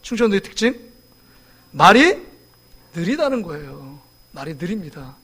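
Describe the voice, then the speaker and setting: A man in his forties preaching a sermon in a church, lively and joking, often asking the congregation questions. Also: high voice, moderate pace, breathy edge. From South Korea. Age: 40s. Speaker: pastor. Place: church sanctuary.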